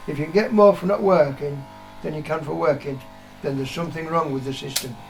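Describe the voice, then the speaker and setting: With faint music behind him, an older man with a British accent talks briskly in a fairly high, gravelly voice. As the vlogger's father in an interview, he chats casually and gives opinions bluntly, with swearing and repetition for emphasis. The recording is rough.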